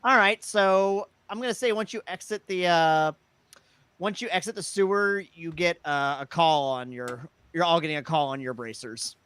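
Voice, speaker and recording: A man narrating as game master of a tabletop role-playing podcast, halting and full of fillers. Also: on the high side, a bit bright, smooth, no echo, rough recording. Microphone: podcast microphone.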